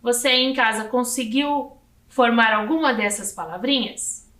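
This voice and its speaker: Slow, patient woman teacher. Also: a little high, a bit bright, roomy sound. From Brazil. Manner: slow, patient, counting letters aloud. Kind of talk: video lesson for young children.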